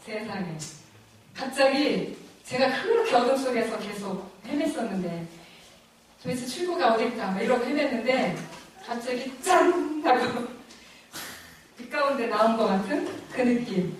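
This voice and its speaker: A middle-aged woman recounts her conversion as a guest speaker at a church lecture. Her voice sits a little high, and she tells the story with animated, emotional energy, laughing often. The mic is some way off in a very echoey lecture room. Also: normal speed, recorded from a distance, a little hiss or hum. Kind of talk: personal faith testimony talk.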